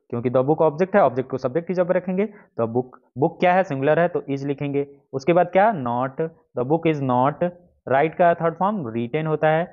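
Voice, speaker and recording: A man teaching an exam-prep grammar lesson, explaining step by step and repeating his own questions as he writes out the examples. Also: a little high. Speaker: English teacher. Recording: dull lo-fi lesson recording.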